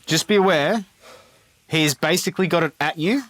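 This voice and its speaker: A man narrating as game master in a tabletop game, describing scenes in a brisk, chatty way. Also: fairly high pitch, fairly bright tone.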